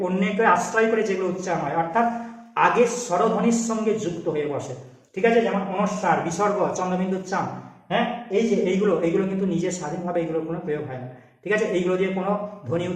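A man's voice: sits high, distant mic. A man teaching a grammar lesson, explaining step by step and asking and answering his own questions. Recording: very echoey room, off-mic.

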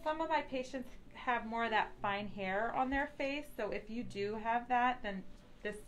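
A woman's voice: on the high side, normal speed, soft background music. A woman in her thirties speaking through a face mask, slightly muffled, informally explaining a treatment as a nurse practitioner on a live video. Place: small indoor treatment room. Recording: noisy room ambience.

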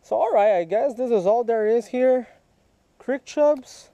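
Speaking a little slowly in a very high, mellow voice, a fishing vlogger patiently coaches a child and asks them questions while fishing at a small park creek. It's casual teaching chat, recorded on a head-mounted action camera with no room sound.

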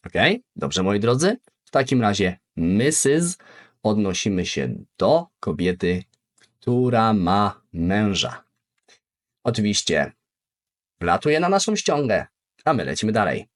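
Slow, animated male language teacher. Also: lowish voice. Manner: repeats each word slowly for practice, very lively intonation. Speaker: English teacher. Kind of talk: beginner language lesson.

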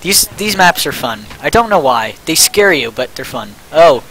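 A young man livestreaming a game with a friend, excitable and jokey, reading prompts aloud as he plays. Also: fairly high pitch, normal speed, slight background noise, poor audio. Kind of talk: casual gaming chat.

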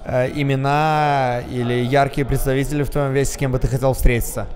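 A man's voice: medium pitch, little pitch movement, brisk, darkish tone. Male sports interviewer, long hall reverb. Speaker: post-fight interviewer. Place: backstage interview wall at indoor arena. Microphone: handheld microphone.

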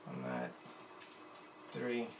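His voice is extremely low and gravelly, very slow, with big swings in pitch. The man, a Puerto Rican vlogger in his thirties, makes a drink at home while chatting in a rambling, self-deprecating manner, his phone camera propped on the counter. The echoey kitchen carries faint ambience and a little hiss or hum.

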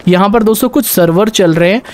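A young man with a high-pitched voice narrates a video game for his viewers, excitable and chatty. He switches between Hindi and English words as the action goes on. A faint background hiss sits under the recording. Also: quick pace. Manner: excitable, talks to viewers, barks orders in role. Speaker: gameplay commentator.

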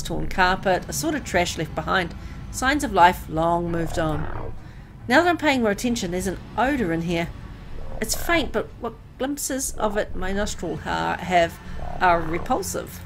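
Hosting a gameplay video, a woman with a lowish voice reads a horror visual novel aloud, delivering it as dramatic, expressive narration.

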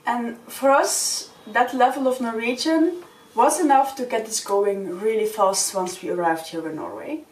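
A young Dutch-speaking woman vlogs from a small wood-panelled room, giving friendly, earnest advice to the camera and gesturing with open hands. Her voice is fairly high and measured. The camera sits a few feet away, so the sound is roomy and distant.

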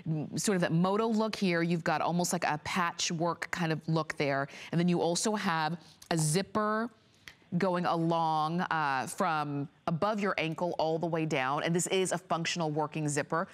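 Low-voiced American woman pitching on shopping TV. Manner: chatty, persuasive, repeats points for emphasis. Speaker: shopping channel host. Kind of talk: unscripted home-shopping sales pitch. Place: TV studio.

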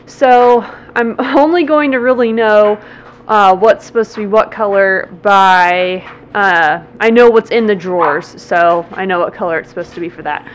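A woman's voice: mid-range voice, normal speed, a little hiss or hum. A woman in her twenties casually talking through a painting project, filming herself at arm's length in a basement and garage workshop. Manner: chatty, relaxed, explaining as she works. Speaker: vlogger. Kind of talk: casual DIY vlog. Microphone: handheld camera at arm's length.

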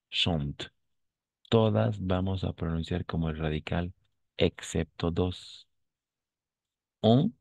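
Gravelly low-voiced man teaching French. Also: dark tone, no echo. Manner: patient, repeats and spells words out slowly. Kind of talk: online language lesson.

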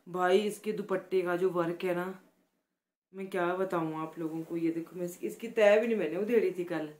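Soft-spoken chatty Indian woman vlogger. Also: lowish voice, steady tone, moderate pace. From Himachal Pradesh, India. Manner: chatty and affectionate, repeats words of praise; speaks softly, close to the mic. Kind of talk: casual vlog, showing gifts.

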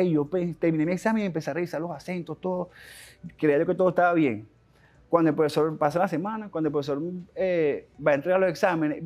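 A young adult man with a Venezuelan accent, a guest telling his life story in an interview, animated and full of restarts and slang. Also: a little high. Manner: animated, fast-talking, with frequent restarts and slang.

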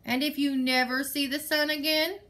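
A woman's voice: high voice, level tone, moderate pace, bright, forceful tone, voice pushed up. Woman playing a grumpy scolding mayor. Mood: exasperated. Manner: snapping, scolding, exasperated. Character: grumpy bossy male village mayor, threatening. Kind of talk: reading a picture book aloud.

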